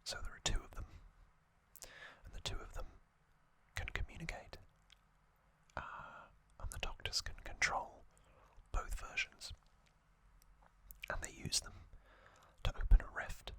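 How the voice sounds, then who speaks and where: Whispering softly and breathily, with little voicing, an ASMR trivia host sits close to the mic. The recap comes in brief, gentle phrases separated by lingering pauses.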